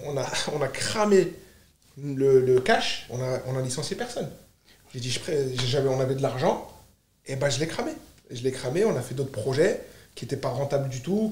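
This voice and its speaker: A man from France, a startup founder guesting on a podcast, speaks in a mid-range, somewhat mellow voice during a casual, animated conversation. He piles on short, repeated phrases for emphasis, and the audio is reverberant with a little hiss or hum.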